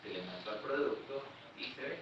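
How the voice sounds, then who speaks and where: A man, a workshop participant, calmly explaining his company's sales process. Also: medium pitch, fairly quick, a crowd in the background. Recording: very echoey room, distant dull mic.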